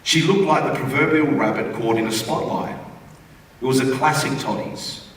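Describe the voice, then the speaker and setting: Here a medium-pitched, fairly bright Australian man reads a written humorous postcard to a theatre forum crowd at normal speed. He sounds wry and conversational. The recording has hall echo, room noise, and a distant microphone.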